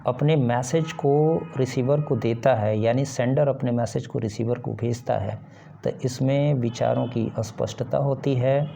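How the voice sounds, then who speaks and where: A man teaching a lesson, explaining points one by one in a slow, deliberate way with pauses and fillers. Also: mid-range voice, steady tone, gravelly, dark tone, a little hiss or hum. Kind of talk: explanatory lecture.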